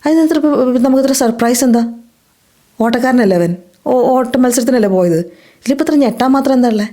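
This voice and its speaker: With a slightly high pitch and a dark tone, a woman with a Malayali accent teaches spoken English. Asking questions and then answering them herself, she delivers the English example sentences slowly and clearly.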